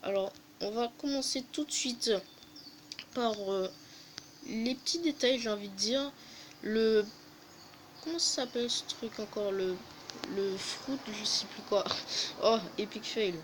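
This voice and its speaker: A woman's voice: fairly high pitch, measured pace, pauses often, slight background noise, low-quality recording. A woman hosting a casual game update review, hesitant, with many fillers and self-corrections and jokey self-mocking asides. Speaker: gaming video host.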